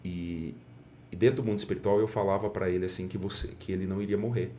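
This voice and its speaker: A man's voice: low-pitched, fairly even intonation, quick pace, dark tone, slight background noise. A middle-aged man, a pastor and podcast guest, telling a testimony in an earnest way and acting out the dialogue he quotes. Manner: earnest storyteller, often acts out quoted dialogue.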